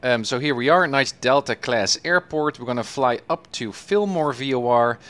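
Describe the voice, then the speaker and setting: A man's voice: mid-range voice, animated, moderate pace, fairly bright tone. A man hosting a livestream through a headset mic, English not his first language, eager and full of ums and restarts. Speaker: livestream host. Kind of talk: casual livestream commentary.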